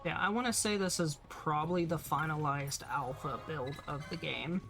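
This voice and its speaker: A man's voice: fairly high pitch, moderate pace, vocal fry, over music. A man hosting a live gaming stream in casual chat. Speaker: streamer, host.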